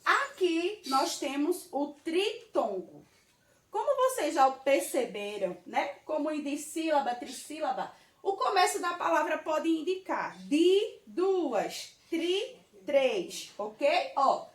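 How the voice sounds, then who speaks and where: A woman's voice: high voice, big pitch swings. A woman teacher with a Brazilian Portuguese accent, giving a patient children's grammar lesson and checking often that the class follows. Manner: slow, patient, checks in with "tá certo?". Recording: roomy, from a distance.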